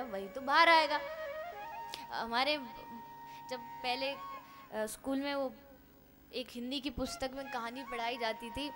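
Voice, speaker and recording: Animated woman giving a devotional discourse. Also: high-pitched. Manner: animated storytelling, acting out characters' voices. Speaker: religious storyteller.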